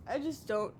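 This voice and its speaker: Pleading with a partner, the heartbroken, obsessive young woman stammers and repeats herself, tearful, desperate and emotionally raw. She is voiced in full character by a woman in an intimate audio roleplay, with a fairly high pitch but a darkish tone. Noise and a low rumble run beneath the recording.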